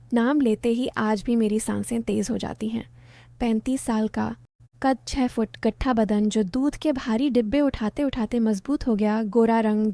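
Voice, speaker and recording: A woman's voice: a little high, mellow, no room sound. A woman narrating a first-person story in a playful, teasing storytelling manner.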